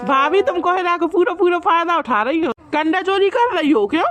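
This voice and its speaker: A woman's voice: extremely high pitch, lively intonation, normal speed, a bit bright, no echo. A woman voicing a cheeky, teasing young village man in a cartoon, talking in a rural dialect. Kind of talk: cartoon voice acting.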